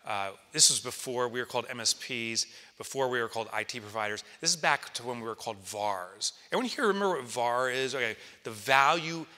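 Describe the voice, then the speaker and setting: A man in his forties giving an animated stage keynote, telling stories and acting out quotes with sudden excited highs, on a headset mic. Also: fairly quick, few pauses. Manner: lively storyteller, acts out quotes and jumps to excited highs. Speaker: keynote speaker. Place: large conference hall, on stage in front of an audience. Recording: reverberant hall.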